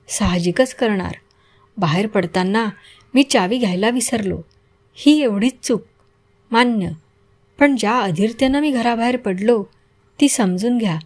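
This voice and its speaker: A woman narrating an audio story in the first person, with a measured, reflective reading. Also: fairly high pitch, darkish tone.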